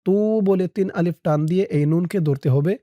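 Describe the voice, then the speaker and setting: A Quran recitation teacher spells out Arabic letters and vowels, giving brisk explanations between slow, drawn-out chanting of the verse. The voice is mid-range, warm, and fairly even, with no echo.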